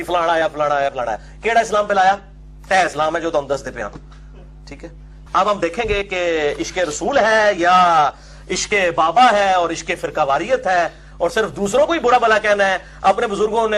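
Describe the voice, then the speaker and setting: High-voiced man lecturing emphatically. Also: fairly bright tone. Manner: emphatic, argumentative, often asks and answers his own questions. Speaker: religious lecturer. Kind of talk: religious lecture to an audience.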